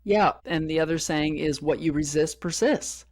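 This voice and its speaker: A woman's voice: sits low, moderate pace, a little mellow. Middle-aged woman telling a personal story. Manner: open, personal storytelling with frequent reenacted dialogue. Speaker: podcast co-host. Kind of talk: candid podcast conversation.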